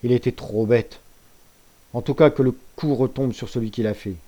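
A man voicing a sly, scheming male ship's accountant who answers in a smooth, guarded, persuasive way in a storybook reading. His voice is lifted a little above his narrating tone. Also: mid-range voice, normal speed, mellow, natural voice. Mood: evasive.

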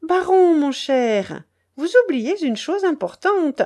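A woman's voice: high-pitched, big pitch swings, slow pace, a little mellow, pitched above the performer's own voice, heavily acted. A woman voicing a cold, capricious noble duchess who teases and commands a baron. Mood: commanding. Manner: imperious, mocking.

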